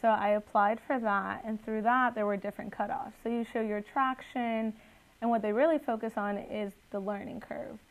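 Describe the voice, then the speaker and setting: In a fairly high-pitched voice with fairly even intonation, a woman speaks at normal speed over poor audio. She's in her twenties, from Guatemala originally, and she's an earnest guest entrepreneur on a podcast interview, chatting with plenty of fillers.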